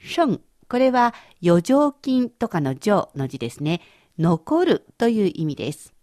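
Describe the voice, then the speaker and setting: Lively patient woman teacher, dry studio. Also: medium pitch, no echo. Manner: patient explaining, slow careful word-by-word breakdowns. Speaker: Chinese language teacher. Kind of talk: radio language lesson.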